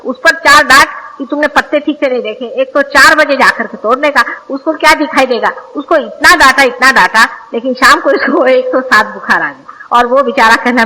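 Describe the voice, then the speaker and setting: A woman spiritual teacher giving a discourse, telling stories in a lively, gently mocking way. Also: high voice. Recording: long hall reverb.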